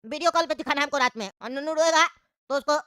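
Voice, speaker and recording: A woman's voice: high voice, fast, pushed and bright, dry recording, clean studio sound. A woman voicing a fussy, hot-tempered old grandfather in a cartoon comedy, with a Bihari Hindi accent and a grumbling, quarrelsome way of talking.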